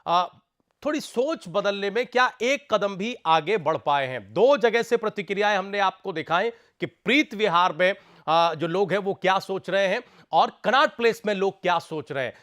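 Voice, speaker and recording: Male TV news anchor, high-ish voice, formal measured delivery. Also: lively intonation, a bit bright. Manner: formal, measured, brief affirmations. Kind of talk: studio news discussion hosting. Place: TV studio.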